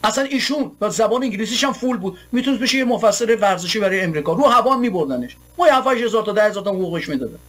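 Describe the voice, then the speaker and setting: A man's voice: sits high, expressive, hardly any pauses, fairly bright tone. A man from Iran hosting a show, delivering an impassioned political monologue full of repeated rhetorical lines. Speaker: host.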